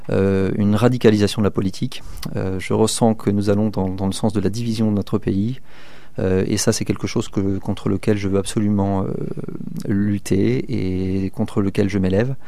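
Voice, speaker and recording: A local election candidate in his thirties from southern Manche in northern France answers interview questions hesitantly, full of fillers and restarts. His voice is on the low side, gravelly and darkish, with no echo.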